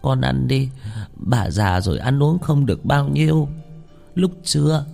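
A man's voice: medium pitch, expressive, measured pace, gravelly, mellow, faint music behind, voice pushed up. A man voicing a frail, timid old village grandmother with a trembling voice. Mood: gentle. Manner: quavering, timid.

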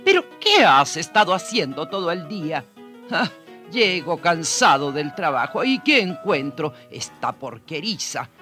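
A man's voice: on the high side, sing-song, a little slow, pushed and bright, soft background music, full character voice. A man voicing a bossy, grumbling husband who scolds his wife in a children's radio story. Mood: scolding. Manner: scolding, demanding.

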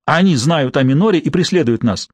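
A man voicing a beaten female journalist, hoarse and short of breath. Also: on the high side, lively intonation, fairly quick, dry recording. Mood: urgent pleading.

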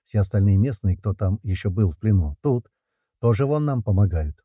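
A man's voice: on the low side, lively intonation, normal speed, breathy edge, no room sound, lo-fi sound. A man narrating an audiobook in the first person, casual and slangy.

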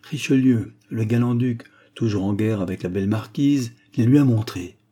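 A man's voice: medium pitch, moderate pace, dark tone, husky, close to an everyday voice. A man reading the part of an aristocratic marquis in an audiobook, mocking and self-assured. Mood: smug.

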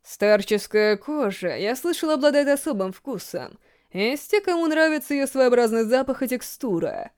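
A woman voicing a refined, sinister male ghoul gourmet in a storybook reading, slow and theatrical. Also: high-pitched, lively intonation, darkish tone, clean tone. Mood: savoring. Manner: slow, savoring, theatrical delivery.

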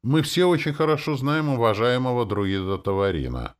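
A man's voice: mid-range voice, animated, normal speed, smooth, voice pushed up, natural voice. A man voicing a jovial, ingratiating male gnome merchant in an audiobook, sweet and coaxing. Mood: sly. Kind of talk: audiobook character voice.

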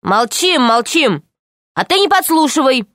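A woman plays a cheeky young boy, pushing her voice above her natural pitch into something high, exaggerated and very animated. She speaks a little slowly with a fairly bright tone. The studio sound is clean, with no room sound.

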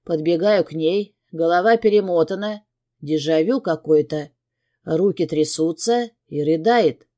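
A woman's voice: fairly low pitch, measured pace, mellow. A woman narrating a first-person novel as an audiobook, reading in a tense, dramatic way.

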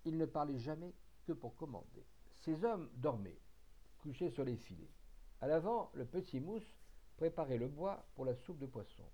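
Man reading a classic tale, mellow tone. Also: a little high, animated, moderate pace. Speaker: audiobook reader. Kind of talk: literary narration.

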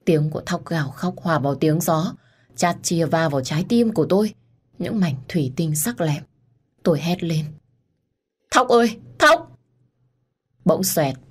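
A woman telling a dramatic first-person story in a steady narrating voice. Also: sits low, normal speed.

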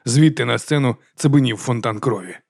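A man reading a crime thriller aloud as an audiobook narrator, in a measured, even storytelling delivery. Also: medium pitch, creaky, dry recording, clean studio sound. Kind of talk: scripted narration.

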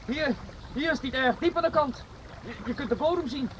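An actor playing a bold, eager boy adventurer in a Dutch audio drama, stammering and repeating words under strain. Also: very high-pitched. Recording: noisy recording with rushing water.

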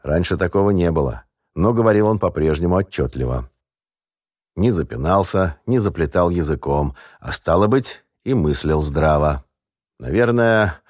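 A man narrates a first-person audiobook in a measured, wry way. His voice is very low and the booth sound is dry and close. The reading is steady and scripted. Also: breathy edge, no echo.

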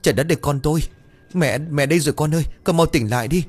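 A man's voice: on the high side, lively intonation, fast talker, darkish tone, pitched above the performer's own voice. A man voicing a distraught village mother who calls out and wails over her son. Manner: wailing, pleading.

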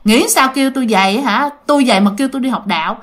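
A woman voicing the jealous, possessive ghost of a young woman, squeaky and taunting. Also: racing, close to an everyday voice. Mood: scornful.

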